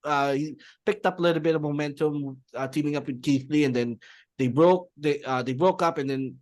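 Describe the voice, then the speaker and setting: Man co-hosting a podcast; higher-pitched, loose rambling delivery with laughter. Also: a little fast, a little mellow. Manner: rambling, laughs often, mixes in Tagalog. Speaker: podcast co-host. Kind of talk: casual podcast chat.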